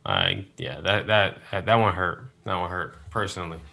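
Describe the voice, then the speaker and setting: A man's voice: low voice, very animated, moderate pace, gravelly, pushed and bright. A man who is a podcast guest, telling a long rambling story in casual chat with many fillers.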